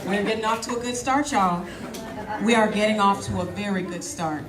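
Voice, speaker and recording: A woman's voice: mid-range voice, moderate pace, over music. Woman emceeing, upbeat and casual, sounds a bit far from the mic, echoey room. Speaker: event emcee. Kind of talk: emcee introduction. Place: large indoor event hall.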